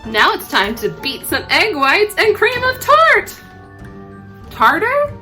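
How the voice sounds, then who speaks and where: A woman hosts a playful baking vlog in a high voice. Her delivery is theatrical and sing-song, swinging widely in pitch and stretching words out slowly. Music plays behind her. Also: wildly swooping pitch, sharp tone. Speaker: host of a baking show.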